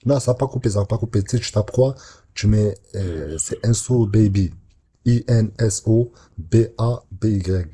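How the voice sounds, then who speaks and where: Deep, dark, husky man chatting casually. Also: normal speed. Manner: laid-back, explaining and chiming in. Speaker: co-host on a livestream. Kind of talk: casual livestream chat.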